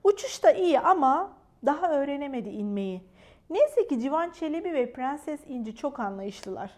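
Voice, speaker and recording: A woman reading a children's storybook aloud in an expressive storyteller manner. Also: high-pitched, normal speed. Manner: animated, expressive.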